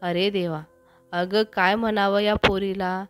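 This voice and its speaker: A woman's voice: medium pitch, level tone, unhurried, fairly bright tone, no room sound, faint music behind, lightly acted. Cross old grandmother, scolding, read by a woman; dry, close. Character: exasperated old grandmother, quick-tempered.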